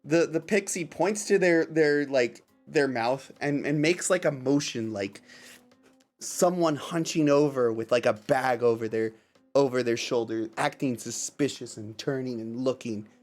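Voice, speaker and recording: A man narrating a tabletop game as game master, improvising in a halting way with repeated phrases. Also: medium pitch, soft background music.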